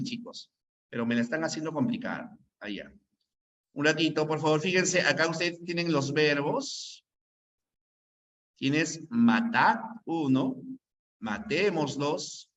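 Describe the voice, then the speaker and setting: A man's voice: mid-range voice, a bit bright. A male teacher giving a classroom grammar lesson, repeating his points and checking in with "¿no?" after them. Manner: repetitive, drilling points home, asks "¿no?" often. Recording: dull lo-fi classroom recording.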